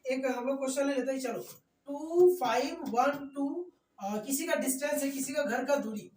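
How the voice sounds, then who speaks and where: A man's voice: very high voice, normal speed, darkish tone, a little hiss or hum. A man teaching a math lecture in class, repeating points and often checking that students follow. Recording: echoey room, voice far from mic.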